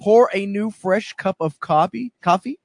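A man hosting a casual radio talk show, relaxed and rambling, often restarting his sentences. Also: high voice, a little slow, dry recording. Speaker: show host.

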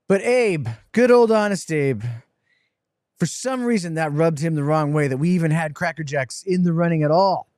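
A man's voice: fairly high pitch, dry recording, studio quality. A man delivering a comic complaint monologue in an emphatic, mock-indignant manner. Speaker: cigar media personality.

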